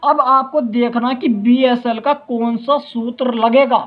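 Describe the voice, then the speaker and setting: A man's voice: extremely high pitch, fairly even intonation, measured pace, phone-quality sound. A male math teacher giving a lecture, constantly asking his students rhetorical questions and calling them brother.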